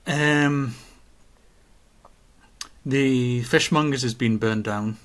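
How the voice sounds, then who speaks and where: A man, chatting casually as a podcast co-host, telling stories with animated acted-out quotes. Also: medium pitch, very slow. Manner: animated storytelling, acts out quotes. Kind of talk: casual chat.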